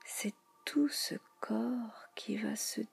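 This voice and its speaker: A woman leads guided relaxation in a soothing spa whisper. Her voice is very breathy and husky, with a creaky fry underneath. She speaks slowly and hushed, repeating soft phrases and leaving frequent pauses. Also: a little high.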